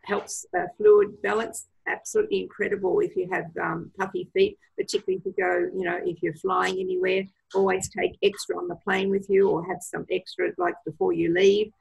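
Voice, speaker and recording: Woman, gravelly, husky, enthusiastic product advice, video call. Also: lowish voice, flat delivery, fairly quick, few pauses, darkish tone, low-quality recording. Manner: enthusiastic, gives advice with many fillers. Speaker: product trainer. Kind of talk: casual presentation on a video call.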